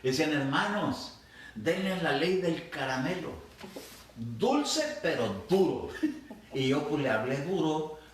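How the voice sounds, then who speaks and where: A man's voice: fairly high pitch, normal speed, slight background noise. A male pastor preaching a sermon, telling a personal story with hesitant restarts and acted quotes. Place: church hall. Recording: echoey hall, distant mic.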